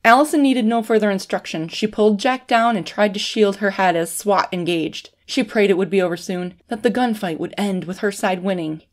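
A woman hosting a fiction podcast, reading a thriller story in a plain, steady way. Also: mid-range voice, a little fast, few pauses. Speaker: podcast host and author.

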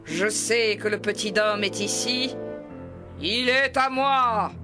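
A woman voicing a ferocious male tiger who makes slow, roaring threats in a storybook reading. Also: medium pitch, over music, close to an everyday voice. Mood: menacing.

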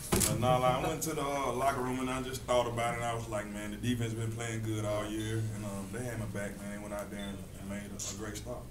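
A man's voice: on the low side, level tone, fast, hardly any pauses. A young adult man, a football receiver, answering postgame questions in a casual, colloquial, frank way. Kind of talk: postgame press conference answers. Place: press room in front of a sponsor backdrop. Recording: roomy, distant, noisy press room.

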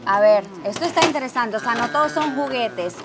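A chatty, excitable woman gives casual vlog commentary, her voice sitting a little high. She laughs often as she talks. A busy capsule-toy shop fills the background with loud ambient noise. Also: a little fast. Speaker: travel vlogger.

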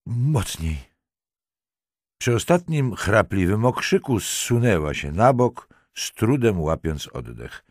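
A man narrating a crime audiobook in an expressive storytelling manner. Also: lowish voice, unhurried, hardly any pauses, no echo, clean studio sound. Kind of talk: scripted narration.

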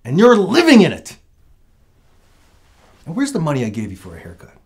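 A man's voice: fairly high pitch, wildly swooping pitch, slow, fairly bright tone, slightly rough, heavily acted. A middle-aged actor playing a resentful, hard-working father in a comedy series, grumbling with scornful outrage. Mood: scornful, exasperated. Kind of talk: scripted comedy series acting.

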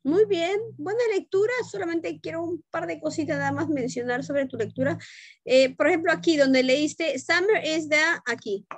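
A woman's voice: high voice, moderate pace, dry recording. A woman teacher leads an online class, correcting students' pronunciation and checking in often. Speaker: English teacher. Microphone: video call.

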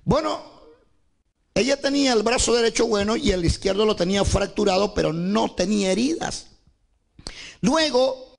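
A man giving a dramatic church testimony, often breaking into shouts and calling on the congregation to clap. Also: high voice, vocal fry. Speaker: testimony speaker at a church service.

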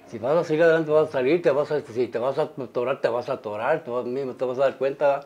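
Older father giving halting advice. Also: mid-range voice, darkish tone, highs cut off. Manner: halting, rambling advice with many restarts and tag questions. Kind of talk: casual family interview.

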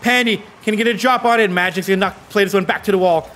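A man with a high, bright, ringing voice calls an esports match play by play. He rattles off names and plays in quick, excitable bursts, a little out of breath, and a faint hum of ambience sits behind him. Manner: rapid excitable calls, rising to yells on goals. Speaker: play-by-play caster.

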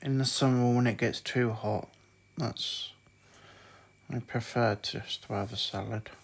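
An older woman in her sixties with a strikingly deep, low voice talks slowly from across the room, away from the microphone. Her replies are short, dry and teasing. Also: steady tone, gravelly, slightly rough. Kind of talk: casual family chat. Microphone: off-mic, away from the microphone.

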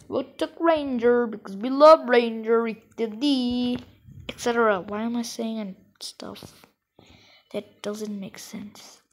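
Excitable woman gamer, fairly high voice. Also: rough recording. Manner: excitable, rambling, playfully trash-talking. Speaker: gamer playing co-op. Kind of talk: let's-play commentary.

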